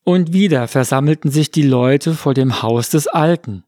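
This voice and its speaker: A man narrating a fable in a calm, deliberate storytelling reading. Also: a little high, no echo, studio quality.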